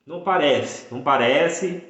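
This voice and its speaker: A man's voice: fairly high pitch, a little slow, fairly bright tone. Fervent preaching man, echoey. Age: 30s. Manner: fervent, repeats phrases for emphasis. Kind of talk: sermon. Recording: echoey room, dull lo-fi sound.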